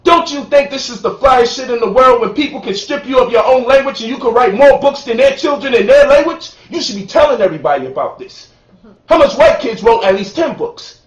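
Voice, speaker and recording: High-voiced brooklyn guy boasting hard, preachy rhythm, sounds far off in a roomy space, kinda muffled. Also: expressive, a little fast. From Brooklyn, New York. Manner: boastful, emphatic, preacher-like cadence. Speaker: lecturer and author. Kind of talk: heated sit-down interview. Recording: roomy, distant, muffled recording.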